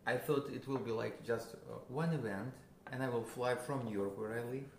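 A man with a Russian accent, a guest musician, talking casually in a halting way, searching for words with many fillers. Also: medium pitch, creaky. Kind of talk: casual interview. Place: a friend's house. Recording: roomy with background noise.

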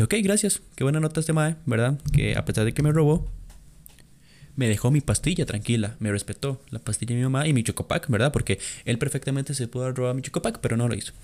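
Costa Rican male podcast host, mid-pitched voice, rambling storyteller, swears casually. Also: darkish tone. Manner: rambling, profane, chuckling asides.

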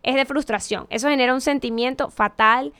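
A woman's voice: sits high, brisk, a bit bright, clear, resonant tone, dry recording. A woman giving a conversational motivational talk, asking rhetorical questions and correcting herself as she goes. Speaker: motivational speaker.

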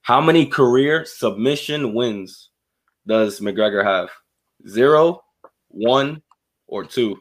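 A man's voice: mid-range voice, expressive, slow. A man running a casual trivia quiz among friends, teasing and laughing as he reads the questions. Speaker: quiz host. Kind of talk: casual chat.

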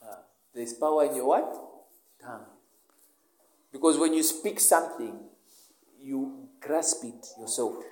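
A man's voice: mid-range voice, a little slow, pauses often, a little mellow. A man preaching a sermon, asking the listeners questions and answering them himself. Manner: emphatic call-and-response questioning. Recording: echoey room.

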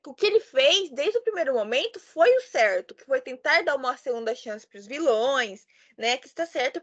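A woman with a high voice chats casually about a film and retells its scenes in detail. She acts out the characters' lines as she goes. The recording sounds dull and lo-fi. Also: a bit bright.

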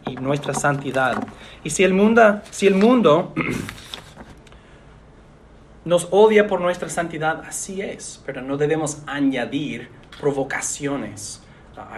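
Male pastor, high pitch, steady earnest sermon delivery. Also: a little hiss or hum. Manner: measured, earnest preaching with pauses.

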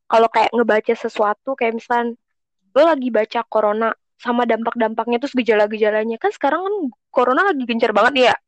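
Casting: Jakarta-accented young female podcaster, informal peer chat, lightly high register, dry room-free sound. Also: fast, no room sound. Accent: Jakarta Indonesian. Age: young adult. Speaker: podcast co-host. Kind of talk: casual podcast chat with slang.

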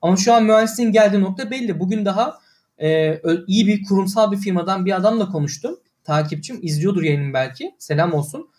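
A man's voice: high voice, fast talker, a little mellow. Exasperated young man ranting on stream. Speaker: livestreamer. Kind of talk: casual livestream rant.

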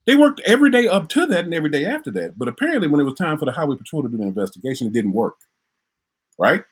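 A middle-aged man from Minnesota tells a personal story with real feeling. His voice is husky and sits a little high, and it rises and falls widely as he acts out the moments and repeats himself. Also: sing-song, rapid-fire. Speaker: interviewee recounting a traffic stop.

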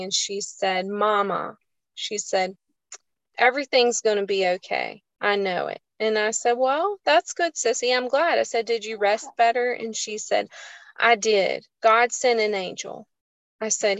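A woman's voice: mid-range voice, fairly bright tone, dry recording, dull audio. A woman, earnestly telling a personal story in a casual faith chat. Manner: earnest, emotional storytelling, folksy. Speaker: co-host of a faith show.

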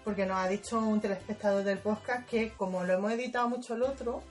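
A woman co-hosting a podcast, chatting in an animated, joking way. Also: medium pitch, fast, soft background music. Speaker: podcast co-host. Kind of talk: casual chat.

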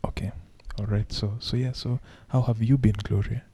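A man co-hosting a podcast in casual chat, putting on a hushed, low late-night voice in a playful way. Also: steady tone, normal speed, husky, no echo. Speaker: podcast co-host.

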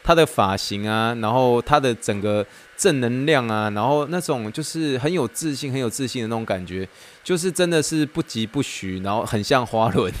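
A man from Taiwan, hosting a podcast as a casual, animated monologue and laughing often. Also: medium pitch, normal speed, slight background noise. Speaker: podcast host.

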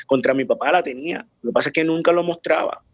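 Earnest man, higher voice. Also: fast talker, no echo. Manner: earnest, repeats and restarts words, drops English words into Spanish. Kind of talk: personal faith testimony.

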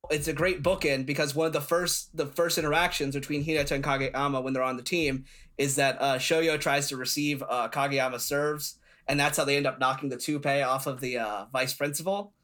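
A man's voice: medium pitch, steady tone, a little fast, bright, forceful tone. A young man as a podcast guest, retelling a story in casual chat, rambling with many fillers.

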